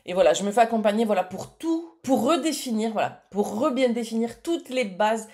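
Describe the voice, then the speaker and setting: A woman's voice: a little high, expressive, fairly quick, darkish tone. A woman in her late thirties chatting to camera in a casual vlog, effusive and full of hesitations. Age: late 30s. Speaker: entrepreneur and vlogger.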